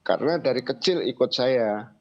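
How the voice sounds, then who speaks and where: A man's voice: mid-range voice, animated, normal speed. Older man, dull lo-fi recording. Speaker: interviewee, grandfather of a missing child. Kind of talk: spoken interview account. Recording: dull lo-fi sound.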